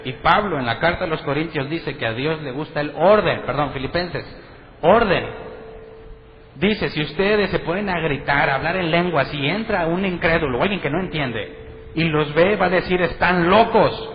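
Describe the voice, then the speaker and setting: Preaching in a large hall, a pastor with a voice on the high side talks to his congregation as if in conversation, posing questions and acting out quotes. The audio is lo-fi with slight background noise.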